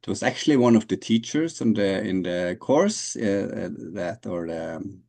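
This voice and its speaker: A Norwegian man in his late forties is a guest answering interview questions hesitantly, with many fillers and restarts. His low voice is creaky and a little mellow, yet animated, at a moderate pace.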